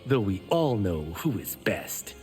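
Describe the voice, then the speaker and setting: An actor voices a proud, boastful young male martial arts champion in a video game, delivering his lines in a smug, self-assured, grand manner. His voice is lowish with big pitch swings and a measured pace, heard over loud music.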